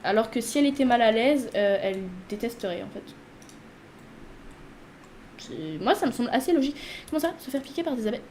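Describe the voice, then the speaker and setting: A woman with a rather high, darkish voice hosts a casual life-sim let's play, talking animatedly and fairly quickly with frequent pauses. She chats away and speaks to her character as she plays, and there's a little hiss or hum in the recording.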